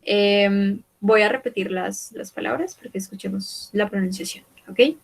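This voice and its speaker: A young adult woman teaching English online, mixing Spanish explanations with English words she repeats slowly twice. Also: medium pitch, vocal fry. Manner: slow, repeats each word twice, checks with "¿ok?" and "¿sí?"; switches between Spanish and careful English.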